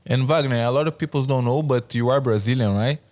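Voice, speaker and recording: Fast-talking male podcast host. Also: medium pitch, a little mellow. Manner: quick, questioning. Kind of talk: casual interview questions.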